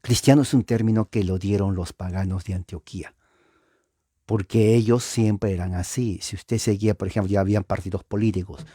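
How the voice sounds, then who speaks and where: A man's voice: lowish voice, fairly even intonation, fairly quick, mellow, breathy edge, no room sound, clean studio sound. A man teaching a Bible study, explaining word meanings and often checking that listeners understand.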